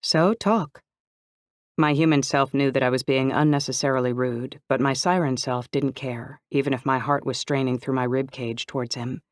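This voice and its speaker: A man narrating a novel in the first person, with a measured, even delivery. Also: mid-range voice, dry recording, clean studio sound. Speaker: audiobook narrator.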